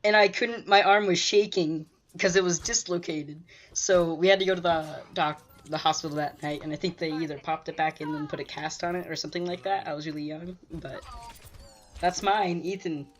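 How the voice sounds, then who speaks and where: A man's voice: fairly high pitch, steady tone, normal speed. A male co-host of a gaming channel chatting casually over gameplay, telling a story in an easygoing way with many fillers.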